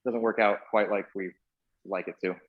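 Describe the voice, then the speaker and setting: A man's voice: lowish voice, fairly even intonation, normal speed, narrow, tinny audio. A man coaching a live workout in an echoey indoor room, giving short cues and counting reps as he exercises along. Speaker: fitness coach leading a workout class.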